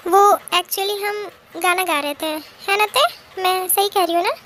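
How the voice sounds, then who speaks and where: A woman voicing a nervous young woman friend who frets and hushes others in a fan-made drama dub. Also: very high voice, fairly even intonation, unhurried, slight background noise. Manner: fretful, hushing.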